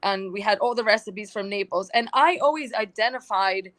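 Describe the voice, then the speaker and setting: A young woman from New York chatting as a podcast guest, telling animated stories full of quoted asides. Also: medium pitch, moderate pace. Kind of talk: casual roundtable chat.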